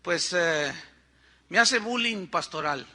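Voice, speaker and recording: Older male Mexican preacher, high and piercingly bright, animated storyteller. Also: takes it slowly. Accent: Mexican Spanish. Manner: animated, acts out quoted voices, conversational asides. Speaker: pastor. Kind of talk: sermon with storytelling.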